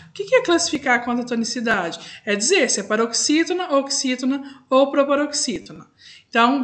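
A woman's voice: on the high side, fairly bright tone. A woman teaching a recorded lesson with a Brazilian Portuguese accent, patiently explaining step by step and drawing out words as she says them.

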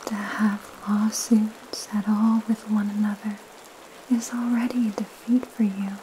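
A young woman whispers in a soothing, breathy ASMR style. Her delivery is slow and very level, gentle and calming, with pauses between phrases. Light rain patters behind her close voice. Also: medium pitch, slight background noise, poor audio. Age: young adult. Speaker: ASMR host reading scripture and praying. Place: small indoor room at home. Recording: steady rain sound behind the voice.

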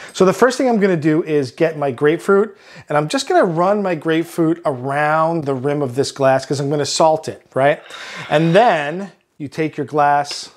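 A chef with a Long Island accent hosting a cooking demonstration, relaxed, often ending points with "right?". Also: male voice, fairly high pitch. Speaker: chef and host.

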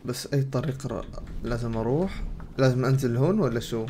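A young adult gaming streamer with a Levantine Arabic accent comments casually while playing and relays the game's dialogue. His mid-range voice is mellow and fast, with game audio and noise running behind him.

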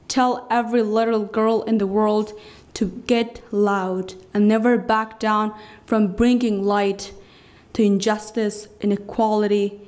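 A young Afghan woman tells a personal story in English from a cultural centre stage, speaking into a podium mic on a stand. Her mid-range voice has a darkish tone, and she delivers it phrase by phrase, earnest and emphatic, pausing between phrases.

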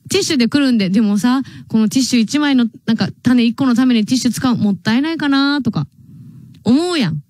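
Speaking quickly with lively intonation, this Kansai-accented young radio host has a slightly high, slightly mellow voice. She chats casually, laughs a lot and reads out listener mail, recorded dry on a studio microphone.

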